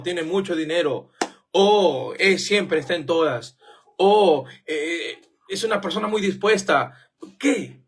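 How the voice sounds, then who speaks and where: A man's voice: high-pitched, fairly bright tone, slightly rough. A man preaching a sermon, firing off rhetorical questions and acting out the voices of the people he quotes.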